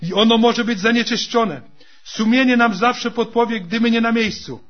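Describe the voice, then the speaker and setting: Man, preacher, repetitive emphatic sermon, high voice, muffled lo-fi sound. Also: moderate pace.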